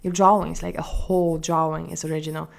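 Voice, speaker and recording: A young woman with a Polish accent, talking casually through a drawing tutorial, hesitant and repeating words, sometimes dropping into soft whispers. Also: sits low, little pitch movement, a little fast, vocal fry. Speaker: art tutorial host.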